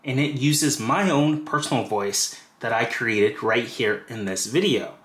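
A man's voice: medium pitch, a little slow, a bit bright. A man casually walking through a phone setup tutorial step by step, with fillers like "you know". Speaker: tech tutorial presenter. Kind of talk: screen-recorded how-to walkthrough. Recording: roomy echo.

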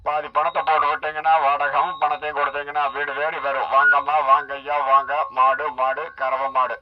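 A man calling out a repetitive singsong sales pitch like a street hawker selling livestock. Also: completely flat delivery, fairly quick, dull audio, slight background noise. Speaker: livestock seller.

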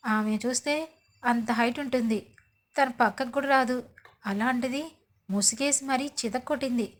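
A woman telling back a TV serial episode like a story. She sounds chatty and lively, her voice sitting fairly high. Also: moderate pace. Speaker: serial recap narrator. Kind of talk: storytelling recap.

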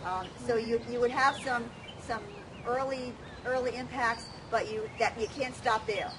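A middle-aged woman, a walking tour guide and plant educator, gives an informal, slightly halting talk and answers questions outdoors in a wooded riverside park. Her pitch is fairly high and her intonation fairly even. A camera in the crowd a few metres away captures her along with loud background noise.

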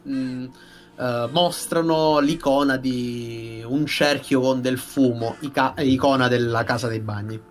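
Young man, game master, slow halting narration, faint background music. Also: mid-range voice. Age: young adult. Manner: halting, searching for words. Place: indoor room, online group stream.

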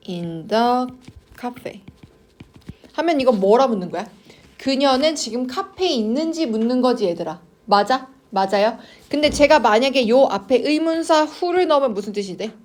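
Casting note: high-pitched woman as an English teacher, coaxing, keeps asking the class if they follow. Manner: coaxing, checks in constantly with students. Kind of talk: online class lecture to students.

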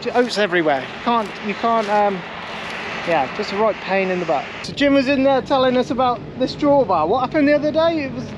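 A man's voice: very high voice, a little fast, dull audio. An English man, a farming vlogger, chatting casually and agreeably with another farmer. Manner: agreeable, lots of short backchannel replies. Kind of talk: casual chat. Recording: machine noise behind.

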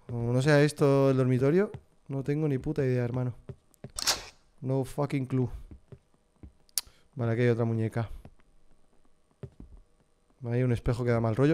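A man's voice: medium pitch, little pitch movement, normal speed, long pauses, warm tone, clear, resonant tone. A young man with a Spain Spanish accent, jumpy and swearing while commenting live on a horror game for his chat. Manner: profane, jumpy, talks to chat. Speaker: streamer.

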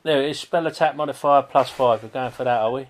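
A man's voice: mid-range voice, quick pace. A man with a chatty, playful manner, playing as a player in a tabletop game.

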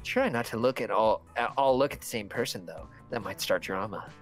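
A man plays a party game with friends and reads its text aloud dramatically. His voice is lively and full of movement. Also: lowish voice, brisk, soft background music. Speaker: guest player. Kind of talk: casual chat while gaming.

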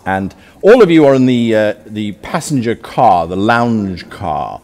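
Theatrical game master, lowish voice. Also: male voice, unhurried. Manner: theatrical, animated storytelling. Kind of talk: narrating a live tabletop game. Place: convention session room.

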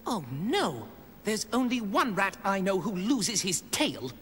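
A woman voicing an earnest, excitable little boy mouse in a cartoon. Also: mid-range voice, unhurried, breathy edge, full character voice. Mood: indignant. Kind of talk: cartoon voice acting.

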